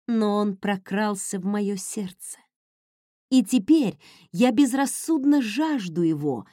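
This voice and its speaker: A woman reading a first-person audiobook in a slow, expressive, dramatic manner. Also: on the high side, no echo, studio quality. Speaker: audiobook narrator.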